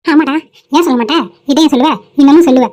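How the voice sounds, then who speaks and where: A sharp, scolding cartoon mother, voiced by a woman, high-pitched and fast. She nags her son and snaps at her husband with little patience. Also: close to an everyday voice. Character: irritated middle-aged town mother nagging her son.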